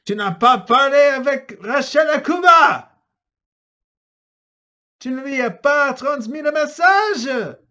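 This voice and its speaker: Antoine, a man doing a hot-headed shouting suitor. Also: very high voice, lively intonation, slow, long pauses, pitched above the performer's own voice, heavily acted. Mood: furious. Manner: shouting, pleading.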